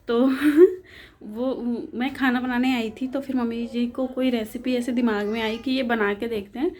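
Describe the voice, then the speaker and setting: Chatty woman with a flat, mellow voice. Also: fairly high pitch. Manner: chatty, repeats herself, light laughter. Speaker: family vlogger. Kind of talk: casual vlog narration.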